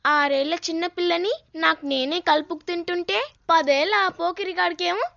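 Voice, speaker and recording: A woman's voice: extremely high pitch, fairly even intonation, fairly quick, gravelly, a bit bright, no room sound, dull audio, heavily acted. A woman voicing a sulky, jealous little girl in a dubbed film drama. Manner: sulky, whiny.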